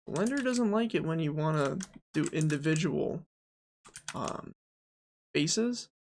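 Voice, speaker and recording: A man's voice: fairly high pitch, vocal fry, slight background noise. A young man streaming game development, chatting casually, thinking aloud and answering his chat as he models.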